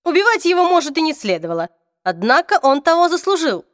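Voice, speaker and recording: Woman doing a young man, arrogant, loud and scornful, high raised voice, dry close sound, storybook reading. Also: sing-song, fast talker, no room sound. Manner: loud, cold and self-righteous.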